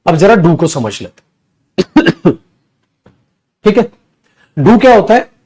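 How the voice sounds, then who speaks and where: A man's voice: sing-song, slow, husky. A man teaching an English grammar class, addressing his students fondly as children and pushing each point with stress. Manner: addresses students as beta, coaxing and emphatic; jumps higher and louder to stress points. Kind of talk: coaching class lecture.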